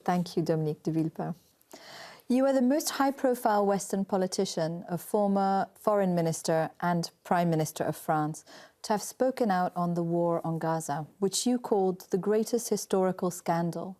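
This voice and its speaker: A woman's voice: on the low side, normal speed, mellow. A woman hosting a broadcast interview, asking composed, formal questions and narrating the introduction. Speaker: interviewer, host.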